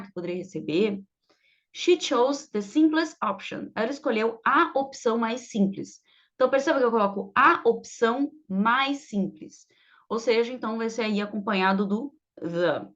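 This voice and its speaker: A fairly high-voiced woman teaches English grammar in a patient, repetitive way. She spells out rules, reads example sentences slowly and translates them. The sound is slightly dull and lo-fi. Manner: patient, repeats rules and translations, many fillers.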